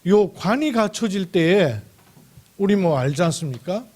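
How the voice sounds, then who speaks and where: A man's voice: high-pitched, animated, measured pace, a little mellow. A man preaching a Sunday sermon as pastor, emphatic and repetitive, stretching out key words. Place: church sanctuary.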